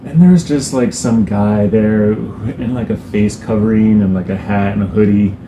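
A man's voice: fairly low pitch, normal speed, reverberant, noisy background. A man giving a casual band update, rambling with many fillers and a dry, self-mocking sarcasm. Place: indoors on a hot day. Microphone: no lapel mic, camera mic.

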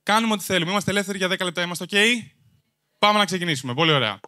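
A man's voice: sits high, expressive, bright, forceful tone, a little hiss or hum. A young adult man from Greece doing stand-up, telling a long story to a live audience and bantering crudely with the crowd while holding a microphone. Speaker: stand-up comedian and host. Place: comedy stage before a live audience. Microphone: handheld microphone.

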